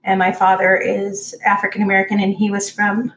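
A woman in her forties from Orange County, co-hosting a podcast, telling stories in a halting, reflective casual chat. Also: mid-range voice, completely flat delivery. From Orange County, California. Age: 40s. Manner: reflective storytelling, halting with fillers. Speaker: podcast co-host. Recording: roomy echo.

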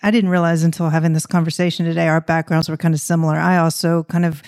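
A woman's voice: deep voice, level tone, fast talker, darkish tone. Curious woman host asking questions. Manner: curious, asks long considered questions. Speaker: interview host. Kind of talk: casual interview talk.

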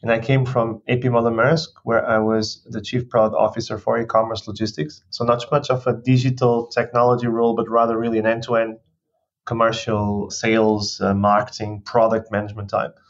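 A man's voice: fairly low pitch, little pitch movement, brisk. A man in his thirties from Portugal, a guest executive talking through his career in a podcast interview, thoughtful and given to restarts. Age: 30s. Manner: thoughtful, with restarts and non-native phrasing. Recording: dull lo-fi sound.

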